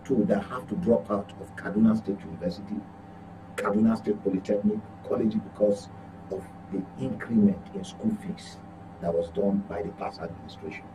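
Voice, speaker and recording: This journalist speaks at normal speed in a fairly low voice with fairly even intonation, giving political commentary on a talk show in a Nigerian accent. He is emphatic and frequently repeats and corrects himself, amid clearly noisy electrical hum.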